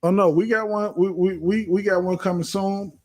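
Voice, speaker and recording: A man's voice: high-pitched, steady tone, moderate pace, darkish tone, a little hiss or hum. A man who is a guest in a casual chat, laid-back and talking in loose run-on sentences.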